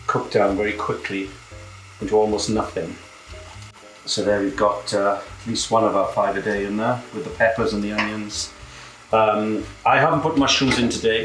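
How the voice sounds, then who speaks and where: A man's voice: lowish voice, fairly bright tone, echoey room, poor audio. A British man with a camp, cheeky manner, casually presenting a cooking demonstration as a home cook. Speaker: home cook presenting own recipe show. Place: indoor kitchen.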